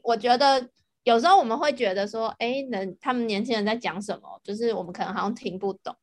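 A woman with a Taiwanese accent chats casually on a podcast. Her voice is rather high, and the recording is dry and close. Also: fast, no room sound. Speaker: podcast speaker. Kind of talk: casual chat.

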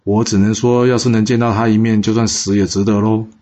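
A man voicing a sly, vengeful male lord of ancient times, flattering and scheming, with a husky voice on a dull recording. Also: on the low side, a little fast, natural voice.

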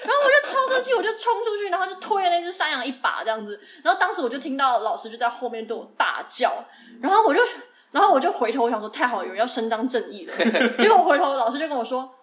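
Fast-talking woman telling a story. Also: sits high. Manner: animated, laughing often, many fillers. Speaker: podcast host. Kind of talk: casual storytelling chat.

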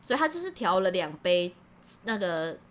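A woman's voice: lowish voice, moderate pace. A woman podcast host telling her own stories in casual chat, from Taiwan. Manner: lively storytelling.

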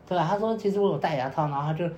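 The muffled recording catches a young man on a podcast telling a long story rapid-fire in a slightly high, slightly mellow voice. He rambles casually, repeats fillers, and acts out what people said, with roomy echo and faint noise around him.

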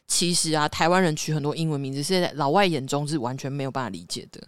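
A podcast co-host with a Taiwanese accent, chatting casually in an animated, teasing way. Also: medium pitch, quick pace, clear, resonant tone, dry recording, studio quality. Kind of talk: casual chat.

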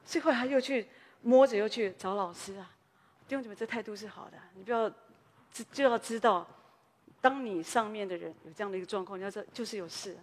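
A woman's voice: medium pitch, big-room sound. A woman pastor, preaching a sermon in a conversational storytelling way, often tagging her sentences with small particles.

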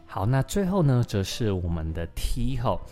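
A young man hosting an English-learning podcast lesson in a chatty, lively way, slowly modelling English sounds again and again. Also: mid-range voice, faint music behind. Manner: chatty, lively, with many sentence-final particles.

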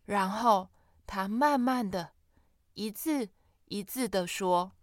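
Woman slowly reading a children's story. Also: medium pitch, dry recording, clean studio sound. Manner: slow, expressive read-aloud with dramatic pauses.

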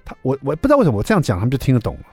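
A man's voice: medium pitch, rapid-fire, breathy edge, no echo, faint music behind. A middle-aged man, hosting a radio show and telling a story in a chatty way. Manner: chatty, acts out dialogue with lively voices. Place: radio studio.

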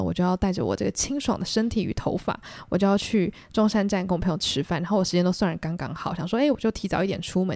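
A young woman from Taiwan with a Taiwanese Mandarin accent, hosting a podcast and telling self-mocking stories in an animated way. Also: lowish voice, dry recording, clean studio sound. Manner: animated, self-mocking, acts out quoted lines. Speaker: podcast host. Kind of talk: solo storytelling chat.

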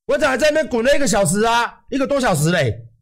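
A man with a Taiwanese Mandarin accent rants on a livestream, heated and swearing freely. His voice sits high for a man and swings up and down a great deal as he works himself up. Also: quick pace. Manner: profane, heated, animated. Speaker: livestream host. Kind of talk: ranting livestream commentary.

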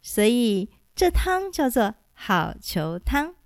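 A woman's voice: fairly high pitch, big pitch swings, takes it slowly, no room sound, clean studio sound, heavily acted. A woman voicing a clever, playful teenage girl cook who teases and coaxes as she gives hints. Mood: coaxing. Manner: teasing, coaxing.

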